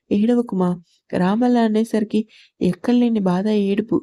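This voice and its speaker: Gravelly-voiced woman narrating a story. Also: mid-range voice, dark tone, no echo. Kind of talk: scripted narration of an audio story.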